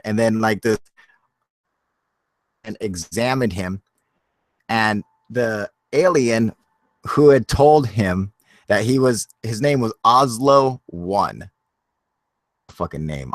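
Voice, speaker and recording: A man's voice: lowish voice, darkish tone, no echo. A man telling a story in a casual, rambling way, full of fillers and frequent laughs.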